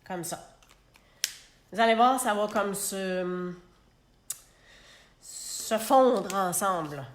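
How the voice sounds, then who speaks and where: A woman with a Québécois accent walks viewers through a crafting project in an unhurried, chatty way, now and then talking to herself. Her voice sits at a middling pitch and carries a roomy echo, picked up by a phone clamped nearby. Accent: Québécois French. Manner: chatty, talks to herself while working. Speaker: host of a live card-making demonstration. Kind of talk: live crafting tutorial. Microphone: phone held in a clamp.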